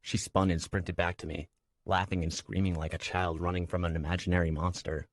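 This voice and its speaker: A man reading a fantasy audiobook in first person, with measured, even storytelling. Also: low-pitched. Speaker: audiobook narrator. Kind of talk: scripted first-person narration.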